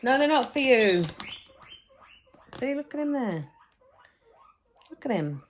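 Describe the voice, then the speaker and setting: A woman's voice: a little high, sing-song, takes it slowly, slight background noise. A woman chatting to camera in a casual shopping haul vlog, recorded as a phone video while she unpacks her shopping. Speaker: vlogger. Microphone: phone camera, filmed as a phone video.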